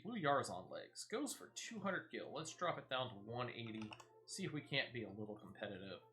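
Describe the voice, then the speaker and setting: A gaming streamer with a medium-pitched, bright, forceful voice gives casual, chatty gameplay commentary. He thinks aloud with a playful, mildly self-deprecating touch.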